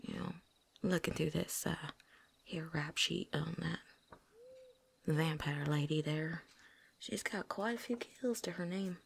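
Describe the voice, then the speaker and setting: A woman's voice: deep voice, unhurried, vocal fry, long pauses, slightly rough, heavily acted. A woman voicing a chatty, folksy veteran vampire hunter with a put-on drawl and casual slang, talking around something in her mouth, in a whispered role-play. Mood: chatty, wry.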